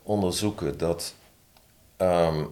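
A man, a podcast guest who is a publisher and poet, talking thoughtfully and reading his own poem slowly. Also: deep voice. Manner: slow, thoughtful, reads his own poem softly and deliberately. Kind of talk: conversational interview with a slow poetry reading.

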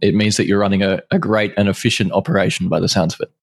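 A man's voice: deep voice, fairly even intonation, fast talker, gravelly, no room sound. A man hosting a business interview, asking questions in an affable, encouraging way. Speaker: interviewer, podcast host. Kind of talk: conversational interview.

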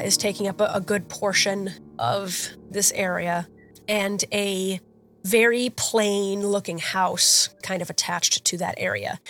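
A woman hosting a tabletop role-play podcast, narrating the story as game master in a measured storytelling way. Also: mid-range voice. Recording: music under the voice.

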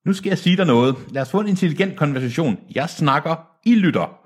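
A cold, cruel villain chief, voiced by a man reading a novel aloud. His husky voice swings widely in pitch and sits higher than a plain speaking voice. He drags out his threats. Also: lively intonation. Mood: domineering. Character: menacing male villain boss, cold and cruel.

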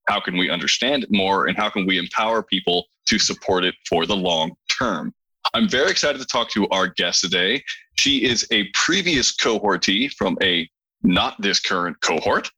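A man's voice: lowish voice, sharp tone, husky, poor audio. A man hosting a podcast, opening the show and introducing a guest in an upbeat, chatty way. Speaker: podcast host. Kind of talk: scripted podcast introduction and interviewing.

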